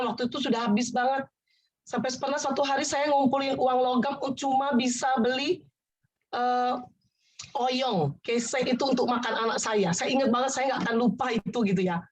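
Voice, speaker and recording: A woman's voice: a little high, low-quality recording. A woman sharing her personal testimony in an earnest, rambling conversational way, often restarting and addressing her listener politely. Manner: rambling, repeats herself and restarts.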